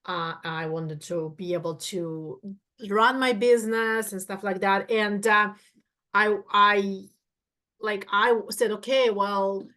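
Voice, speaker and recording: A woman's voice: mid-range voice, fairly even intonation, takes it slowly, pushed and bright. Chatty Russian-accented woman. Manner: chatty, many fillers and restarts. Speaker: guest accountant. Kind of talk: livestream interview.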